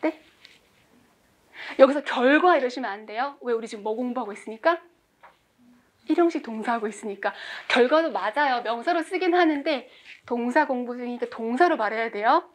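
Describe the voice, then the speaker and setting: A woman in her forties with a voice on the high side teaches English vocabulary in a classroom lecture at a moderate pace. She quizzes her students and slips in small jokes.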